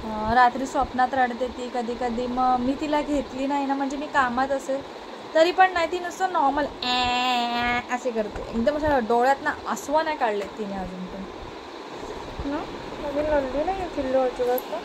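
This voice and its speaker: A woman's voice: high-pitched, moderate pace. A young mother, chatting casually at home in a vlog and slipping into doting baby talk. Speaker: mother and vlogger. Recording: noisy home phone recording.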